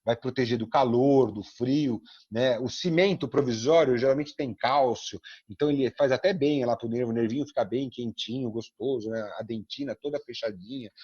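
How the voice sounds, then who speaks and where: A man's voice: medium pitch, moderate pace, few pauses, breathy edge. A man with a Brazilian Portuguese accent teaching an online dental prosthetics class, acting out talks with dentists and patients and ending his sentences with a questioning tag. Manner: animated, acts out dialogues with dentists and patients; tags sentences with frequent "né?". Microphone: computer mic on a video call. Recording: dull lo-fi video call audio.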